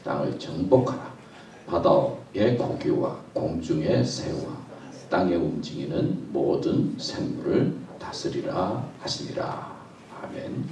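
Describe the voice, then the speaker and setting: Animated pastor preaching in an echoey church. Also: male voice, low-pitched, slow pace, recorded from a distance, a little hiss or hum. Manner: animated storytelling, acting out God's delighted voice. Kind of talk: sermon. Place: church sanctuary.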